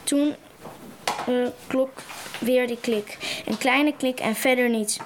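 A woman's voice: high-pitched, steady tone, slow pace, slight background noise. A woman reading a passage from a book aloud, stumbling and restarting words.

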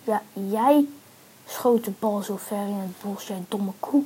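A woman's voice: mid-range voice, slow, dark tone, breathy edge. A woman voicing a frightened boy trapped in a cage, whiny and pleading. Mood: accusing.

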